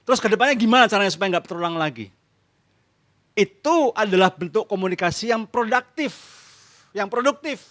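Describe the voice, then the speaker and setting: A man's voice: high voice, a bit bright. A man preaching a sermon as pastor in a church service, speaking with an Indonesian accent. He asks the congregation questions and answers them himself, acts out couples' arguments, and mixes in English phrases.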